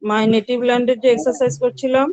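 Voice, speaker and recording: A high-pitched woman teaches English pronunciation in an online class. She speaks patiently, repeats each word and spells it out letter by letter, recorded dry and close. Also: steady tone, moderate pace, a little mellow, dry recording, poor audio.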